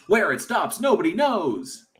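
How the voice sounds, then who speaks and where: A man with a high, slightly bright voice hosts a casual livestream from home. He's American and rambles with plenty of fillers, reading the chat aloud as he goes.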